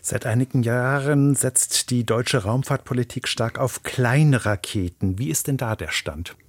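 A man's voice: medium pitch, dry recording. Man presenting radio news, dry studio. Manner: measured, probing questions. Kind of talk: radio interview questions.

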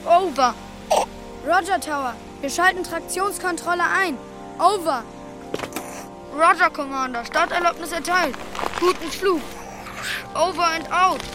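A woman's voice: very high-pitched, a little slow, long pauses, over music. A woman voicing an imaginative, stubborn young schoolboy in a film. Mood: playful. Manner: plays pilot games, earnest.

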